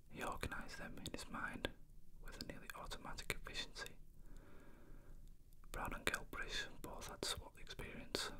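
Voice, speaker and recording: A person reading a novel aloud in an unvoiced whisper, as ASMR narration. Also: very high voice. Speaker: reader.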